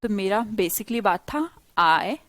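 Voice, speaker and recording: A woman from India teaching an English grammar class live, explaining lively and teasing her students with quick questions. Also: medium pitch, no echo.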